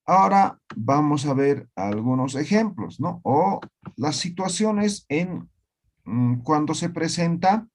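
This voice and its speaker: A man teaching a language class online, slowly repeating words and often checking that students follow. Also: fairly high pitch, a little mellow.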